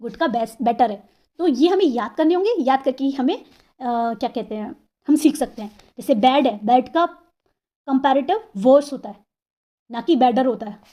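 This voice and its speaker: A woman teacher explaining English grammar, asking herself questions and sounding out words slowly, syllable by syllable. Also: high-pitched, animated, mellow. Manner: asks and answers her own questions.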